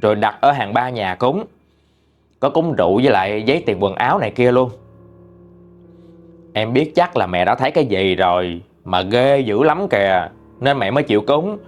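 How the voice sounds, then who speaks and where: A man's voice: mid-range voice, expressive, moderate pace, soft background music. Man chatting through a ghost story. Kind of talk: reading a listener's ghost story.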